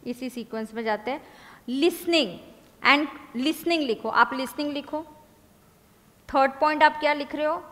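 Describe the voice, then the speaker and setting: A woman teacher giving a lecture, dictating points slowly and repeating them for her students to write down. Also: sits high, fairly bright tone. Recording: long hall reverb.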